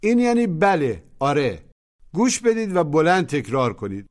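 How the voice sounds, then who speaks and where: A man's voice: fairly high pitch, sing-song. A man teaching on a language-lesson tape, giving patient, coaching instructions and prompts for learners to repeat aloud. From Iran. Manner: didactic, coaching.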